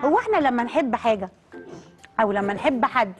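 High-voiced Egyptian woman telling kids a story. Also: a little fast, faint music behind. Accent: Egyptian Arabic. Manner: animated, coaxing, asks the kids questions. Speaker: children's TV host. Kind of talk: storytelling to children. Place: TV studio.

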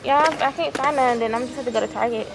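A woman's voice: high-pitched, fast talker, music in the background. A woman vlogger chatting casually to her viewers through a face mask while shopping in a store. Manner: chatty, addresses viewers as y'all. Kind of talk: casual vlog chat. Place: inside a large store.

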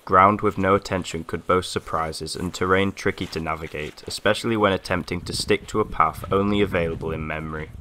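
A man reading a scripted documentary voice-over in a measured, formal way. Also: low voice, fairly even intonation, pushed and bright, slight background noise. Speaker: channel narrator.

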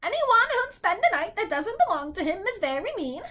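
A woman's voice: very high voice, big pitch swings, brisk, bright, forceful tone, voice pushed up, heavily acted. A woman voicing a malicious, haughty, unkempt male bird in a storybook, shrieking and cackling as he talks.

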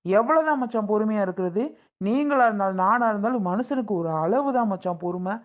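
A woman playing an exasperated husband who pleads with his brother-in-law and shouts at his wife in a family skit. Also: medium pitch, fast talker, lightly acted. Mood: exasperated angry.

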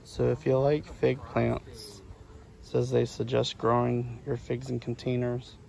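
This is casual vlog narration from a man in his thirties, recorded outdoors at a farm nursery on a handheld phone at arm's length. The voice is mid-range, gravelly and slightly mellow, delivered in an unhurried monotone over faint background noise from outside.

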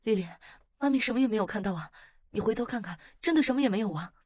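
A woman's voice: on the high side, lively intonation, quick pace, darkish tone, dry recording, clean studio sound, voice pushed up. A woman voicing an anxious soothing mother. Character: anxious, tender mother comforting her daughter.

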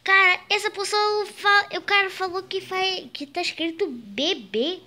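Darwin, a young man doing a very high, unhurried cartoon fish boy. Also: bright, forceful tone, a little hiss or hum, heavily acted. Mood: puzzled. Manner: eager, explaining. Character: gentle cartoon fish boy turned into a baby. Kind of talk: Minecraft role-play voice acting.

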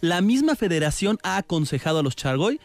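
A man co-hosting sports radio, reporting football news in quick back-and-forth banter. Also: high voice, very animated.

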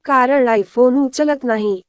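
A young man who loves ribbing his little brother, read by a woman narrator. The voice is high and clear. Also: slow, dry recording, clean studio sound. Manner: teasing.

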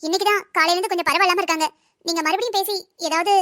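A performer voicing a gentle young married woman in a cartoon drama who tries to keep peace. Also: extremely high pitch, steady tone, rapid-fire, dry recording, studio quality. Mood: placating. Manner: soothing, placating.

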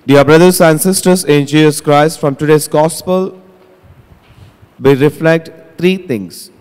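Indian priest with cathedral echo. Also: male voice, fairly high pitch, a little mellow, clear, resonant tone. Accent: Indian English. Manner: slow, measured, deliberate delivery. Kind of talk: liturgical gospel reading and homily. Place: large church. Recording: long echoing church reverb.

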